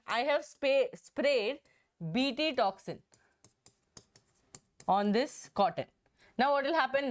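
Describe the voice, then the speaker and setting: A young woman with a hoarse, strained voice from a throat infection, teaching an exam-prep biology lesson and repeating herself with frequent "okay"s. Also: a little high. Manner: repetitive, checks in with "okay".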